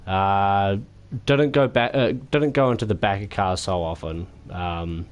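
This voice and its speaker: A man wrapping up a racing stream, tired and sore, self-critical and halting with lots of fillers. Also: deep voice. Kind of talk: casual post-race wrap-up.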